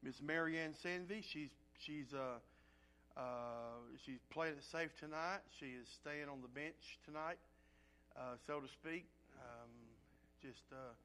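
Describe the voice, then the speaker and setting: A man with a rattly, congested throat, speaking as a pastor in a folksy, halting, conversational way as he gives informal church announcements. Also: mid-range voice, fairly bright tone, slight background noise. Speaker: pastor leading an evening church service.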